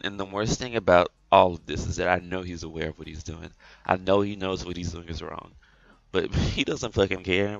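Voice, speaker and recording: A man giving an exasperated opinion rant to camera, repeating himself and filling pauses with "like". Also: low voice, fairly bright tone, no room sound, dull audio. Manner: exasperated, repetitive, heavy on "like" fillers. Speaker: gaming video creator.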